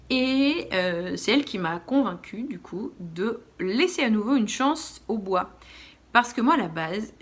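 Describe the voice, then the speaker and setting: A woman's voice: mid-range voice, fairly bright tone. Young woman, chatty podcast host, loose and rambling delivery. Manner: chatty, rambling, with frequent fillers and restarts. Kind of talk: casual chat. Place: dark room at home.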